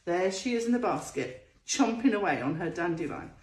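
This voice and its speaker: With a fairly low, expressive voice at a normal speed, a woman leads a show-and-tell lesson for young children. As a storytime presenter and teacher, she speaks straight to the kids in a sing-song way, drawing out key words. The room has a noticeable echo.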